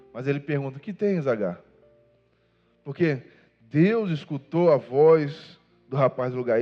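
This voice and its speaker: Brazilian preacher, higher voice, echoing hall. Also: male voice. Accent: Brazilian Portuguese. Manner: poses rhetorical questions to the congregation and answers them. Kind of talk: sermon. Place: church hall. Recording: long hall reverb, dull lo-fi sound, faint music behind.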